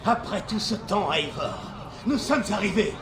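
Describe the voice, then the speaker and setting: A man's voice: high voice, expressive, a little slow, crowd noise. An actor playing a jubilant, battle-hungry male Viking warrior in a French video game, with a grand, swaggering delivery. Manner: grand, swaggering, swings into shouts. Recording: roomy echo with music behind.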